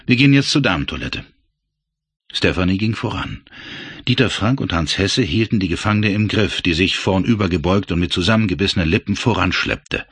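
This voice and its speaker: A man narrating a novel as an audiobook in an expressive way. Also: low voice, breathy edge, no echo. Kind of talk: scripted narration.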